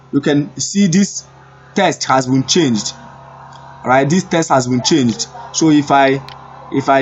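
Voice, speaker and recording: A man giving a screen-recorded web development lesson, unhurried and repetitive, thinking aloud as he types. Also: mid-range voice, highs cut off. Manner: unhurried, repeats himself, thinks aloud while typing. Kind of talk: screen-recorded coding tutorial.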